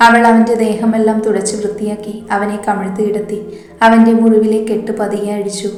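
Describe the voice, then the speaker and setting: A woman narrating a romantic story in a steady, even storytelling manner. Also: mid-range voice. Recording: roomy echo, faint background music.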